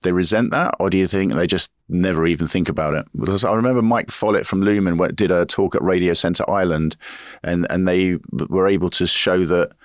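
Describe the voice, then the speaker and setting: A man with a very deep voice hosts a podcast interview in a dry, close recording. His questions run long and wind around, full of restarts and hesitations. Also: steady tone, a little fast, dry recording. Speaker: podcast host.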